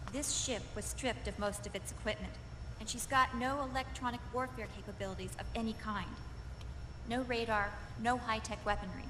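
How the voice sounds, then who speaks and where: A woman's voice: fairly high pitch, background noise, close to an everyday voice. A woman playing a grave, commanding officer who leads a mission briefing in a video game. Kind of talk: scripted video game voice acting. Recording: long hall reverb, music behind.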